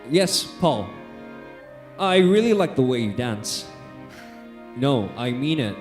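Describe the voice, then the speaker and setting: A man acting a calm, probing director who questions a dancer during an audition scene on a theater stage. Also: mid-range voice, slow pace, soft background music. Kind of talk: stage dialogue.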